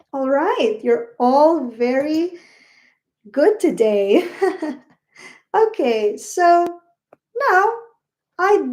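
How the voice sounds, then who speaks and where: A woman's voice: high-pitched, darkish tone. A woman teaching a live online English lesson, patient and encouraging, asking the class questions and answering them herself.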